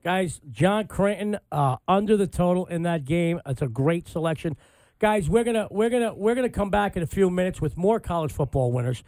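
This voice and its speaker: A man's voice: high voice, animated, brisk, warm tone. A man hosting an AM sports talk radio show in a punchy announcer style with repeated catchphrases.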